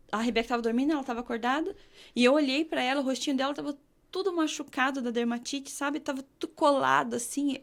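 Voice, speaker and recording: A woman from Brazil earnestly telling a personal faith testimony, slowing down when she reads scripture aloud. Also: sits high. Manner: earnest, emotional storytelling, slows to read scripture. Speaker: guest sharing her testimony.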